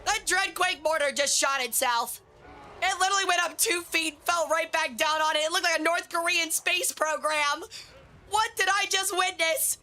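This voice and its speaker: High-pitched, bright, cute woman streamer. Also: moderate pace. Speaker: streamer hosting a tournament. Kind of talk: live game commentary and stream chat.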